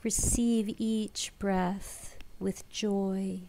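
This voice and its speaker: Female meditation teacher, unhurried pace, relaxed warm tone, soft breathy soothing delivery, guided practice. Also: mid-range voice, poor audio.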